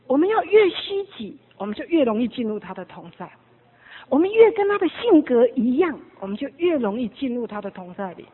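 A woman preaching a sermon, swinging between loud exhortation and hushed tones, telling stories with quoted dialogue. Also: fairly high pitch, slightly rough. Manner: storytelling with quoted dialogue and small laughs. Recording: tinny phone-like sound.

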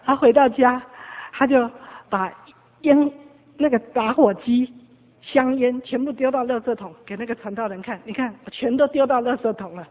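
A woman preaching a sermon, swinging between loud exhortation and hushed tones, telling stories with quoted dialogue. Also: fairly high pitch, normal speed. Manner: storytelling with quoted dialogue and small laughs. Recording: tinny phone-like sound.

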